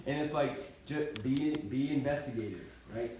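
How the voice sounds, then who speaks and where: Animated young man in a roomy hall. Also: mid-range voice, distant mic, slight background noise. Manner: fast and animated, keeps asking "right?". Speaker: seminar co-presenter, deer hunter. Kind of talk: live seminar talk, casual storytelling. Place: live seminar room. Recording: echoey hall, mic from afar.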